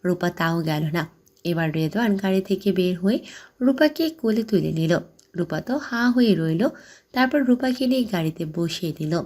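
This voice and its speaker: A woman narrating a romantic audio story with steady, scripted delivery. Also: lowish voice, moderate pace.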